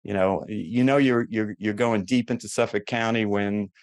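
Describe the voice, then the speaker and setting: This guest orthodontist in his seventies speaks with a New York accent, chatting and meandering a little while poking fun at himself. His slightly mellow voice sits on the low side with fairly even intonation and a moderate pace, in a dry recording.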